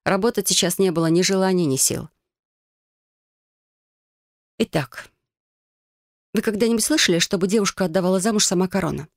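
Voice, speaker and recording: A narrator reading a first-person story aloud in a steady, even manner. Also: medium pitch, brisk, long pauses, no room sound, studio quality. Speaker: audiobook narrator.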